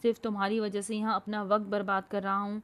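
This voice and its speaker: A woman's voice: mid-range voice, level tone, a bit bright, close to an everyday voice. An exasperated young man with a firm, curt way of talking, as a woman narrator plays him. Stern and short of patience in a storybook reading. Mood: angry.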